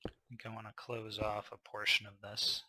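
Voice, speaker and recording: A man's voice: fairly low pitch, completely flat delivery, a little fast, noisy background. A man casually narrating his gameplay, thinking aloud with fillers, a little tired. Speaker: gameplay commentator.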